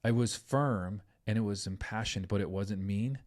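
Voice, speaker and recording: Man, middle-aged, parenting podcast host, lowish voice, earnest, chatty storytelling. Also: normal speed. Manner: earnest, animated storytelling with many "like"s. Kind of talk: casual podcast conversation.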